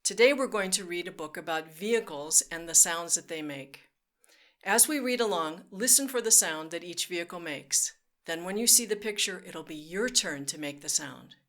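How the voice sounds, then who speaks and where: This children's storyteller reads a picture book aloud in a sing-song manner, talking directly to the kids and tossing in playful vehicle noises. She has a lowish, fairly bright voice, expressive and at normal speed.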